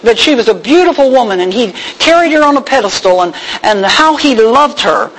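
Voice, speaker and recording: An older woman teaching a Bible lesson in a chatty, expressive sermon with humorous asides. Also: a little high, fairly quick, slight background noise, rough recording. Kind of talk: conversational sermon.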